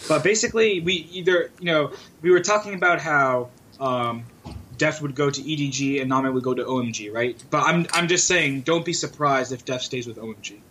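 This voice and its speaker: A hungover man chatting casually as a podcast panelist, often halting and restarting his sentences. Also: a little high, a bit bright, slight background noise, poor audio. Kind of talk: casual chat.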